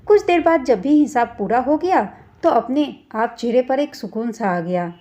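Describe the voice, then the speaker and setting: A woman's voice: a little high, animated, moderate pace, warm tone. A woman narrating a family story in the first person, with earnest, emotional delivery.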